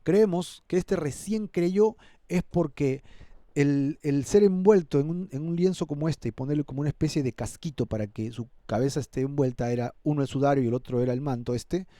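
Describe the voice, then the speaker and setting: A man's voice: on the high side, fairly quick, mellow, dry recording, clean studio sound. A male pastor preaching an expository sermon, dramatizing the scripture and earnestly appealing to his listeners. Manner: dramatizes the scripture, acting out characters' voices.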